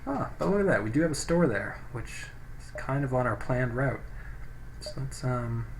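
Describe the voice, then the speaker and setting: A let's play host speaks at a normal speed in an animated, mid-range voice with vocal fry. He reads game text and thinks aloud in a casual way, and his low-quality microphone adds a little hiss or hum.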